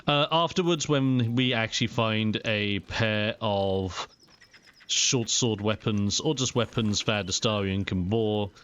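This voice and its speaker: A young man giving casual, chatty and expressive let's play commentary on a video game. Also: fairly low pitch, slow, lo-fi sound, slight background noise. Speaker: gaming video host.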